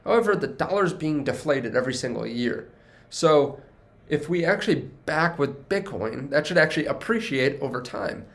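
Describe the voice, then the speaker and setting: Speaking at normal speed, a young finance video host uses a fairly high, expressive, slightly bright voice that's plugged up from a cold. His casual talk to camera is cheerful and meandering, full of self-corrections.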